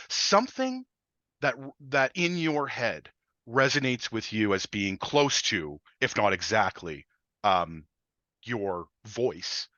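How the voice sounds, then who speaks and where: An enthusiastic man co-hosts a webinar, explaining in a casual way and often restarting phrases. His bright voice swings widely in pitch. The sound is dry and slightly dull, like a lo-fi recording. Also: dry recording. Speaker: webinar co-host.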